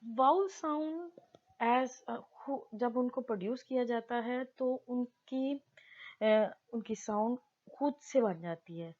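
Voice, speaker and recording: Female tutor, deliberate classroom delivery, slightly muffled recording. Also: on the high side, a little mellow. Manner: mixes Hindi-Urdu explanation with slowly read English definitions. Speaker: English teacher. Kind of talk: slow explanatory lesson, reading English definitions aloud.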